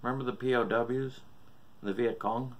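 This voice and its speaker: A man's voice: mid-range voice, steady tone, moderate pace, natural voice. A man voicing a sick old father gone mad with doom, preaching bitterly and profanely in a horror story reading. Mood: bitter, ominous.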